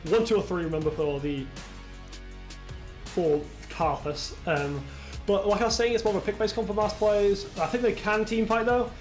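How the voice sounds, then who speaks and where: High-voiced British esports caster. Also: male voice, normal speed, soft background music. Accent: British English. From Britain. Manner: chatty, reads chat aloud, bursts into excited shouting at plays. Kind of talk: solo game commentary on a stream.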